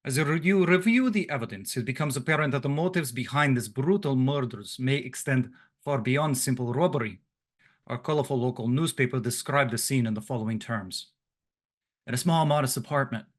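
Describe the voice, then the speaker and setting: A man's voice: mid-range voice, a bit bright, close to an everyday voice. A man reading a police captain's formal letter to a detective in a put-on Russian accent.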